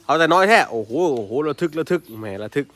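A man's voice: mid-range voice, fast talker, no echo. A man, telling a story in casual chat with frequent exclamations. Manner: animated, exclaims often. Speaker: elephant mahout and channel host.

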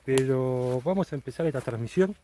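A man's voice: mid-range voice, fairly quick, warm tone, a little hiss or hum. A middle-aged man with an Argentine accent, chatting casually as he hosts an outdoor night exploration vlog.

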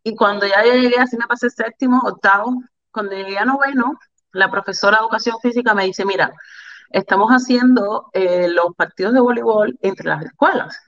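This interview guest, a volleyball player from Cuba, shares her life story in an animated, candid way, repeating phrases for emphasis. Her Cuban Spanish-accented voice is a little high and fairly quick. The recording sounds muffled.

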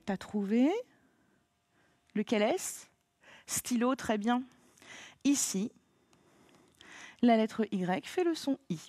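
A woman teaching a phonics lesson to children, patient and encouraging, spelling out sounds slowly. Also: fairly high pitch, lively intonation, mellow, no echo, clean studio sound, faint music behind.

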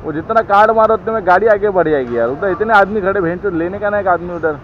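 Young vlogger on a noisy roadside. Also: male voice, high voice, fast. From Mumbai. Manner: blunt, heated and swearing when arguing, chatty when explaining. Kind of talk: casual vlog narration and roadside argument. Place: outdoors by a highway petrol pump. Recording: muffled outdoor recording with traffic noise.

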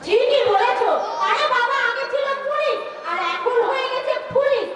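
A woman's voice: very high-pitched, moderate pace, background noise. A woman acting a spirited young daughter in a folk theatre play, in a hammy declamatory manner. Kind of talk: Bengali folk theatre (jatra) stage acting. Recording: echoey distant stage, loud music and crowd.

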